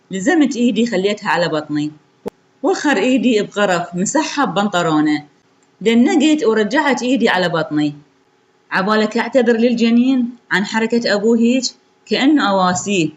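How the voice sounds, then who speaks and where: A woman's voice: medium pitch, lively intonation, fairly quick, muffled recording. A woman with an Iraqi accent telling a sorrowful story in the first person, in an intimate way.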